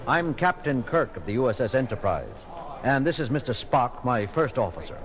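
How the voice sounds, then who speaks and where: A man's voice: mid-range voice, sing-song, moderate pace, a crowd in the background. A man playing a confident, wry starship captain in a sci-fi audio drama. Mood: businesslike, puzzled.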